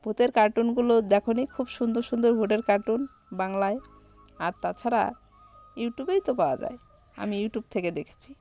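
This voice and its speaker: A woman's voice: a little high, normal speed, mellow, soft background music, lightly acted. A woman narrator voicing Rai, a young woman who sulks and snaps out of jealousy. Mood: jealous. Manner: sulky, snappish.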